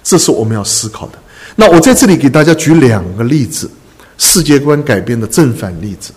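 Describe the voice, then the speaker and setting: A man preaching a sermon to a congregation, earnest, repeating phrases and filling pauses with drawn-out "ah" sounds. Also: mid-range voice, animated, a little mellow. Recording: echoey hall reverb.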